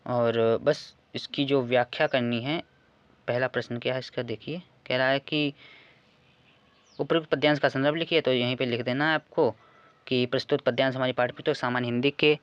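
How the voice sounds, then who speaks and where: A male teacher walking students through an exam paper, reading verse lines slowly and repeating key words as he explains. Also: mid-range voice, fairly even intonation, clear, resonant tone, muffled recording. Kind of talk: exam paper walkthrough lesson.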